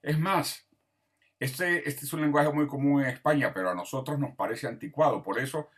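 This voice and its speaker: A man's voice: mid-range voice, moderate pace. A man teaching an online grammar class, patiently listing words one by one and checking in with his students. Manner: patient, lists words one by one, often asks "¿verdad?". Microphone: video call.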